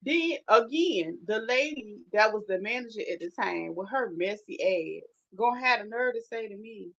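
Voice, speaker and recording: A woman telling a story in casual, animated chat, emphatic and swearing freely. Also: medium pitch, normal speed. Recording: dull lo-fi sound.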